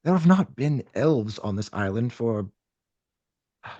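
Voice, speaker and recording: A man's voice: mid-range voice, sing-song, a little slow, dark tone, dull audio. A man voicing an ancient male rat king who rules the rat people, grave and regal in manner. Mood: astonished.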